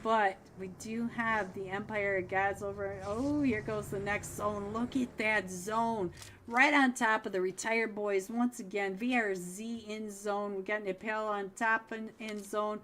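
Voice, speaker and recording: A woman's voice: medium pitch, unhurried, a little hiss or hum. Chatty woman casting a mobile game. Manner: chatty, upbeat, bursts of excitement at plays. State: losing her voice. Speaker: esports caster. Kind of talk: solo live game commentary.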